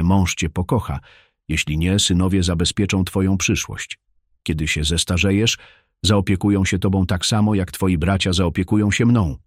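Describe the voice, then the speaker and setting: A man's voice: low-pitched, no room sound, studio quality. A man reading an audiobook, voicing a stern mother who commands her daughter to obey. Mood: instructive.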